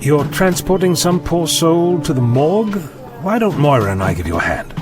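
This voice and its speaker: Man playing an animated, eccentric Doctor Who. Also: fairly high pitch, normal speed, music in the background. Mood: breezy, insistent. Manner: animated, breezy, insistent. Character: eccentric, chipper, evasive male time-travelling doctor. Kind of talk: audio drama acting.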